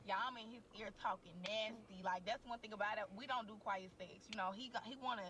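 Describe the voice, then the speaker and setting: A young woman on a podcast, telling a candid story in a crude, slangy, animated way and talking straight to the listeners. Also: mid-range voice, fast, crowd noise. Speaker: podcast co-host. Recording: voice a bit distant from the mic.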